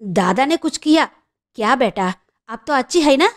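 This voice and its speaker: A woman's voice: sits high, expressive, moderate pace. A woman voicing a kindly male Gurkha watchman who mixes broken Hindi into Telugu in a fatherly way.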